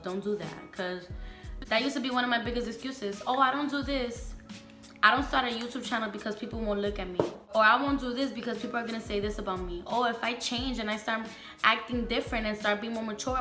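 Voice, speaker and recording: This young woman from the Bronx, New York, is a beauty vlogger chatting casually while getting ready, candid and emphatic, heavy on slang, and calling her audience "sis" and "girl." Her voice is bright, echoey and on the high side.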